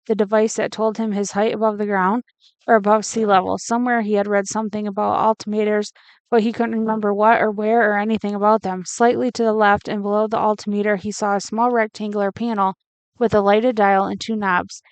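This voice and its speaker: Smooth-voiced woman reading a novel aloud. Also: medium pitch, brisk, no echo. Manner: steady, expressive reading. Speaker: reader.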